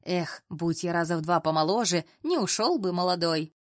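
A woman's voice: lowish voice, animated, normal speed, no room sound, studio quality, close to an everyday voice. A woman voicing an older female cleaner who is cheeky, folksy and mocking. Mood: teasing. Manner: folksy, teasing.

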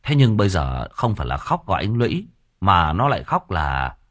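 A man narrating a novel as an audiobook, reading in a colloquial, expressive way with coarse asides. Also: low-pitched, moderate pace, no room sound, studio quality.

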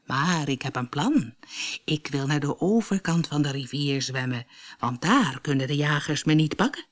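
A woman doing a low, sly storybook fox. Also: animated, normal speed. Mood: coaxing. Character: sly soft-spoken male fox, persuasive.

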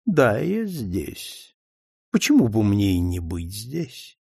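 A man's voice: lowish voice, wildly swooping pitch, takes it slowly, creaky, a little mellow, slightly rough, no room sound, studio quality, heavily acted. A man putting on a sneering jealous noblewoman. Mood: scornful mocking. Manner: sneering, mocking. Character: haughty jealous noblewoman, mocking rival.

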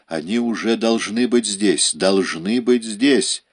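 A man's voice: fairly low pitch, slow, husky. A man voicing a hot-tempered young Roman nobleman in an audiobook. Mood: impatient.

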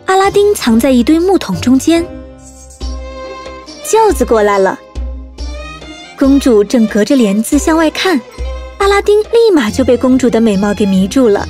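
A woman storyteller narrating a scripted children's story in an expressive way. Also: high voice, moderate pace, long pauses, faint music behind.

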